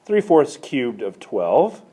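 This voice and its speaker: Man, math teacher, classroom lecture, lively pitch, occasional cough, asks students questions. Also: takes it slowly, husky. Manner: coughing now and then, apologetic. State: coughing, slightly hoarse. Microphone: tablet screencast mic.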